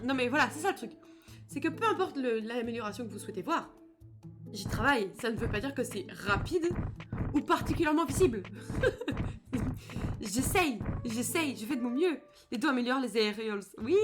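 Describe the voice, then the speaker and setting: Chatty young French woman streamer. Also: a little high. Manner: chatty, jokey, reads chat aloud. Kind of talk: casual live-stream chat. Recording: music playing behind the voice.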